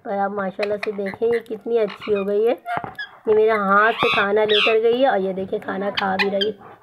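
A woman's voice: mid-range voice, steady tone, moderate pace. A woman in a casual pet vlog, coaxing her parrots in a sing-song voice while talking to viewers. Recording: dull lo-fi sound with loud background noise.

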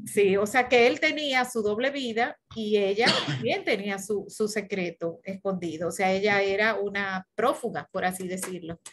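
A woman's voice: medium pitch, moderate pace, hardly any pauses. Woman talking over a film in a discussion group. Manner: conversational, asking the group questions. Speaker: film forum participant.

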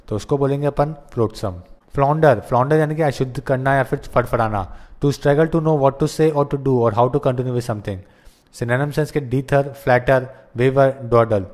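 Hindi-speaking man teaching English vocabulary. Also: mid-range voice. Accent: Indian English. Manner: mixes Hindi explanation with slowly read English definitions. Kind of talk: exam-prep vocabulary lesson.

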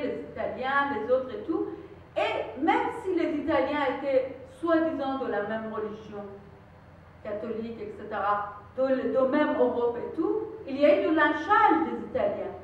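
A woman's voice: high voice, a little hiss or hum. A woman from Iran with a Persian accent, giving an earnest, emphatic conference talk and sometimes searching for words. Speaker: lecturer. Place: conference room. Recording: echoey hall, recorded from far off, dull sound.

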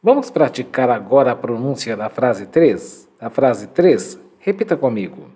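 A male English teacher whose first language is Portuguese, walking students through phrases in a recorded lesson. He speaks slowly, with a mellow tone and a pitch that rises and falls a lot as he models each phrase for students to repeat. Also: big pitch swings, slightly rough. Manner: slow, drawn-out modeling of English phrases for repetition.

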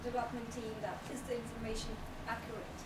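This young woman's voice sits on the high side with little pitch movement, and she talks fast. She's earnestly explaining technical writing in a presentation at a small meetup, laughing lightly at times, captured by a far camera in a small room full of echo and loud background noise.

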